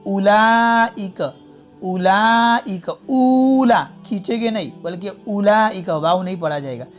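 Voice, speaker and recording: Patient teacher drilling pronunciation. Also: mid-range voice. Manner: patient and methodical, repeating each word and contrasting wrong and right pronunciation; addresses viewers directly as friends. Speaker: Quran reading teacher. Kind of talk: online video lesson in spoken Hindi-Urdu.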